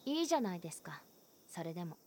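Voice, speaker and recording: Voicing a frank, upbeat schoolgirl in a drama, an actress talks candidly with some gentle teasing. Her voice is on the low side and sing-song, she speaks fast, and there is slight background noise.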